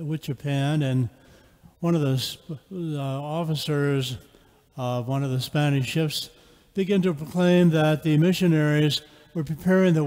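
Mellow priest in cathedral echo. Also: male voice, fairly high pitch. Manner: casual, with frequent fillers and restarts. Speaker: priest giving a homily. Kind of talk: plain spoken homily. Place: large church. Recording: cathedral echo with long reverb.

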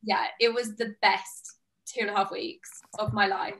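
A fairly bright, medium-pitched voice with little pitch movement comes through at a measured pace on a low-quality recording. It belongs to a UK woman in her twenties, an online fitness coach who is a guest on a casual video call. She's chatty and enthusiastic, talks with her hands, and sits in a small plain-walled room indoors.

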